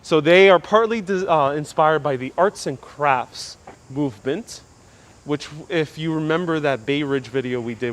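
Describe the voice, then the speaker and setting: Slightly muffled, higher-voiced man guiding outdoors. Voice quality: slightly muffled through a mask. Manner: chatty, effusively polite to viewers. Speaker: live-streaming walking tour guide. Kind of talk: casual live commentary, answering viewer comments. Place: outdoors, walking on city streets. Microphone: clip-on mic worn on the body. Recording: street noise, outdoor live stream. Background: street ambience, passing vehicles.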